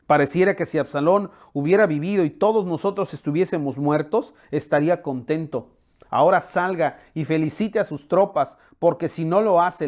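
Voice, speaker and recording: Mexican pastor with a higher voice. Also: male voice. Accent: Mexican Spanish. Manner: expressive reading, spoken fillers when explaining. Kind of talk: sermon with Bible reading.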